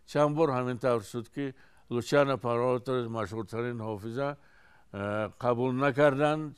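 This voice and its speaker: Older tajik guy in his 70s, singer telling stories, really smooth resonant voice, takes his time. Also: mid-range voice. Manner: unhurried storytelling with frequent restarts. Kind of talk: recounting stories in an interview.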